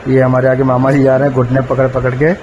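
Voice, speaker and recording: A man vlogging casually while climbing outdoor temple steps, out of breath and tired, often pausing with fillers. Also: medium pitch, monotone, darkish tone, muffled recording, slight background noise. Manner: chatty, tired, filling pauses with "matlab". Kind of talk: casual travel vlog narration. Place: outdoor hillside stairway to a temple. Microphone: phone camera held while walking.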